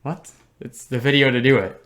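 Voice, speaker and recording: A man's voice: medium pitch, normal speed, a bit bright. Enthusiastic young man co-hosting a podcast. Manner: enthusiastic, slangy, teasing. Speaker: podcast co-host. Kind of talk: casual chat.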